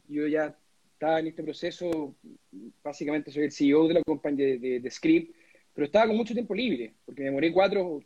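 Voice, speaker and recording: A young Chilean man with a high, slightly husky voice answers interview questions in earnest, often stumbling and repeating words as he builds his point. The recording sounds dull and lo-fi. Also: darkish tone. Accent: Chilean Spanish. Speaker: lawyer and constituent assembly candidate being interviewed.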